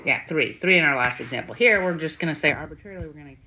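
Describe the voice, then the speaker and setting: This screen-recording voice-over features a woman teacher whose low, sharp, expressive voice moves very fast. She gives an informal math tutorial, thinking out loud and often pausing for quick questions. Faint background noise and clicks are audible.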